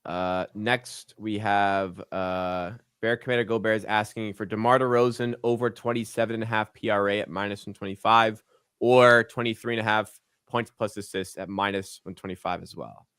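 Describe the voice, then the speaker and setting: A man's voice: fairly low pitch, fairly even intonation, moderate pace, a bit bright, clean tone, dry recording, studio quality. A man in his twenties hosting a sports betting podcast, easygoing and filler-heavy as he chats and reads listener questions. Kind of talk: casual podcast chat.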